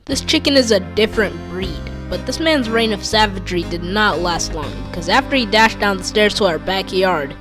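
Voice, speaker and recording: A young woman tells a childhood story for an animated storytime video, playful and full of slang and jokes. Her voice sits in a middle register. Music plays steadily behind her. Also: mid-range voice, normal speed, hardly any pauses. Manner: playful, joking, slang-heavy. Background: background music.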